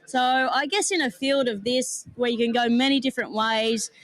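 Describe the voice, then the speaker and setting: A man co-hosting a horse racing show, calling runners and riders. He talks in an upbeat way, with quick tipster banter. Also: extremely high pitch, a bit bright. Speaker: racing analyst. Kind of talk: racing broadcast chat.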